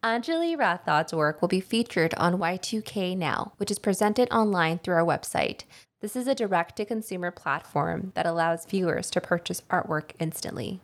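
A woman's voice: lowish voice, expressive, normal speed. A woman hosting an art podcast, reading a scripted intro and then chatting casually with short upbeat replies. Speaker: podcast host. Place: living room floor.

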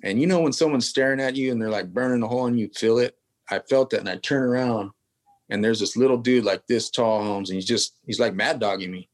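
This man's mid-range voice moves fairly quickly. He's a tattoo artist from California appearing as a guest, spinning a long, casual, rambling story packed with street slang and asides.

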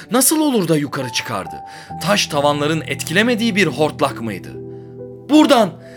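Expressive man reading a dramatic story. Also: mid-range voice. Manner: expressive, voices characters' lines. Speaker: podcast host and reader.

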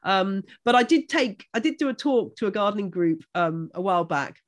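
A middle-aged woman speaks in a Home Counties English accent at a medium pitch. She is chatty and informative, an enthusiastic expert who puts animated emphasis on her points. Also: moderate pace. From Buckinghamshire, England. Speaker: houseplant expert and author. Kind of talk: chatty, informative conversation about plants.

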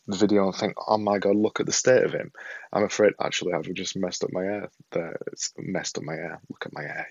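A man with a Yorkshire accent, a vlogger and podcaster, talks to camera at home in a casual, earnest, self-deprecating way, often repeating himself for emphasis. His voice is lowish and darkish, recorded dry and lo-fi on a desktop setup with a camera and monitor.

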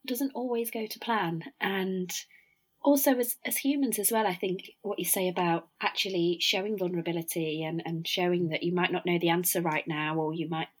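Croaky husky lady hosting a podcast chat, lowish voice, reflective, bit of a cough-worn rasp. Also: steady tone, moderate pace. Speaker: podcast host. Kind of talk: reflective interview conversation.

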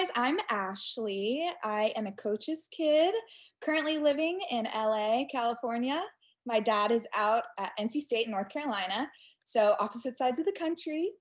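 A woman in her twenties from Texas, a guest telling stories in a chatty, animated way during a casual interview. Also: a little high. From United States (Texas). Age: 20s.

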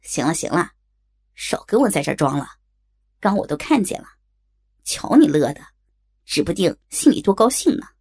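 A woman voicing a cheeky, teasing young man, lowering her voice for him. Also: sing-song, moderate pace, pauses often, darkish tone, husky. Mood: playful. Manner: grins and jokes, lowered voice.

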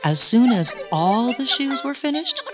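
A woman narrates a children's story with animated expression. Her voice is fairly high and swoops widely, and she takes her time with each phrase. Soft music plays underneath. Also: unhurried.

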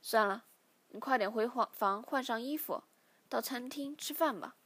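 A woman's voice: a little high, moderate pace, a bit bright, husky. A woman reading a stern middle-aged father. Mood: lecturing. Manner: lecturing, weary sighs.

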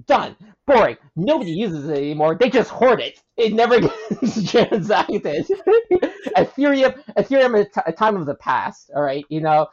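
A man chatting casually among friends, breaking into a playful mock sales pitch and laughing through his words. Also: darkish tone, highs cut off. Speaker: guest.

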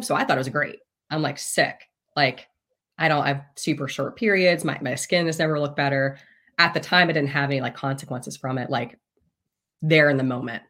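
A woman's voice: extremely low pitch, a bit bright. A woman in her thirties, a podcast guest, telling a personal story in a candid, casual way, swearing freely and laughing often.

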